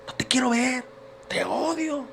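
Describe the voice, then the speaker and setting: A bitter, scornful young wife snaps in a high, hushed voice, as a man puts her on in his own storytelling. She is sharp and dismissive, telling someone to go away. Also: steady tone, fast, vocal fry, slight background noise.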